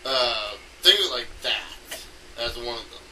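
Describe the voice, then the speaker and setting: An amateur game designer records an unscripted audio log, rambling hesitantly and haltingly as he thinks aloud. His voice is strikingly sharp and bright, expressive, and mid-pitched. The noisy home recording places him set back from the mic.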